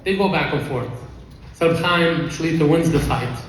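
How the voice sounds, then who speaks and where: Middle-aged man, fairly high voice, heartfelt rushed storytelling, echoey hall with the mic far away. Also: slight background noise. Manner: heartfelt, rushed storytelling sprinkled with Yiddish phrases. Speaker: event speaker. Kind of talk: emotional personal storytelling speech. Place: large event hall.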